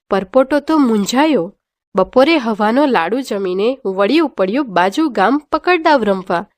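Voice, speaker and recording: A woman's voice: fairly high pitch, no room sound, studio quality. Woman reading a children's story aloud. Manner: lively sing-song reading with sound words. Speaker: teacher reading a textbook story.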